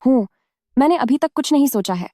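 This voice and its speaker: Quiet resilient heroine, lightly high, dry dub. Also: female voice, expressive, a little fast, no echo.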